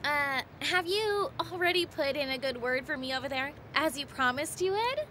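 A woman's voice: sits high, animated, normal speed, background noise. A woman playing a bubbly, eager young woman. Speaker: dub actor. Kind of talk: drama dub. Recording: loud music under voice.

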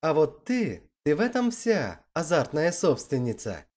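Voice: medium pitch, sing-song, measured pace, a little mellow. A storyteller voicing a tired but resolute young man who answers firmly and with bitter mockery in an audiobook story. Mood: mocking. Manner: firm, then bitterly mocking. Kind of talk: audiobook character reading.

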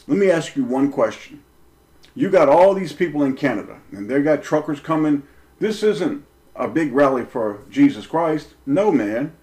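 A man's voice: a little high, a little mellow. A man delivering a preaching monologue, emphatic, with rhetorical questions and punchy, repeated lines. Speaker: religious commentator.

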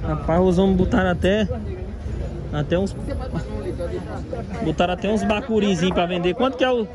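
A man with a fairly high voice chats his way through a crowded street market, haggling over prices and tossing out slangy jokes. He's recorded on a handheld phone, and the chatter of the crowd rises all around him. Sellers' voices mix into the noise. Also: moderate pace. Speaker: vlogger touring a street market. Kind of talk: casual market walkaround chat. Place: busy outdoor street market. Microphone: handheld phone camera.

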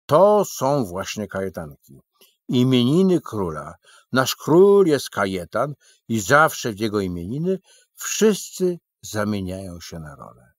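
A man's voice: on the low side, very animated, measured pace, no room sound. A man voicing a fussy little man from a storybook kingdom who calls out shrilly and emphatically. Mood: fussy, emphatic.

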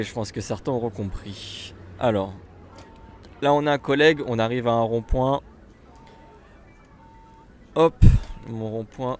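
A man's voice: mid-range voice, a little hiss or hum. A man with a French accent casually commenting while he plays a bus simulator, chatty and rambling with lots of fillers and restarts. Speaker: gaming YouTuber.

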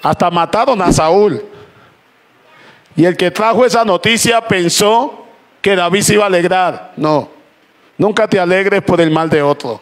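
A man preaching a sermon to a congregation, calling out praises between slow, emphatic phrases. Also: high voice. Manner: impassioned preaching with repeated "aleluya" and "gloria a Dios". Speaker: pastor. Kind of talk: Spanish-language sermon. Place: church hall with congregation. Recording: church crowd faintly audible. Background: congregation responding "amén".

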